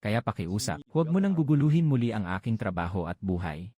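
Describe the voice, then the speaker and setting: A man's voice: lowish voice, animated, brisk, dark tone, breathy edge, no room sound. A man dubbing drama characters, speaking in a firm, composed manner. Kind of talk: Tagalog drama dub.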